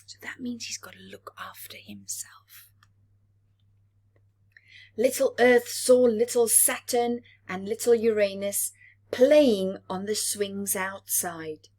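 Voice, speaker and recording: Reading a picture book to young kids, this storyteller gives a dramatic, expressive narration, slipping in whispered asides to the audience. She has a medium-pitched, darkish voice and speaks slowly.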